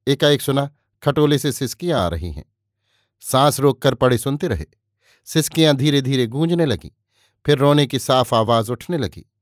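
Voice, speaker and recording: A male narrator reads a novel aloud in a measured, unhurried way. His voice sits at an ordinary middle pitch. The sound is dry and close, with no room echo. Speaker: audiobook narrator.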